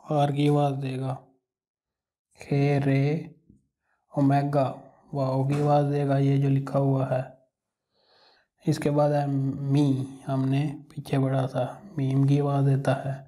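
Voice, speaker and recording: Speaking with a Pakistani Urdu accent, a male language teacher takes his time going through an alphabet lesson. His mid-range voice is dark and mellow, holding almost perfectly steady as he patiently repeats every sound.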